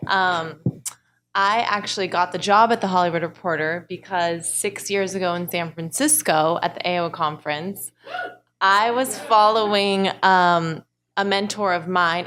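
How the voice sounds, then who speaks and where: Young woman panelist, lower voice, casual storyteller. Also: steady tone, normal speed, fairly bright tone, a little hiss or hum. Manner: storytelling, casual, quotes herself. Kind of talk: panel discussion.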